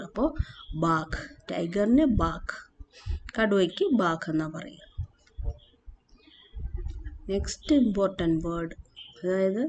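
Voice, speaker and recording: A woman teaching a language lesson, slowly repeating and spelling out each word, with hesitant fillers and self-corrections. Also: mid-range voice, a little hiss or hum. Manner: slow, repeats and spells out words.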